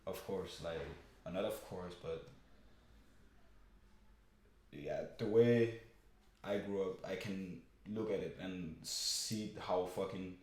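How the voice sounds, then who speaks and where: A man's voice: deep voice, takes it slowly, long pauses, darkish tone. A young man in casual conversation, talking in a rambling, profane way with many fillers. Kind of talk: casual chat. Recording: very echoey room with faint noise.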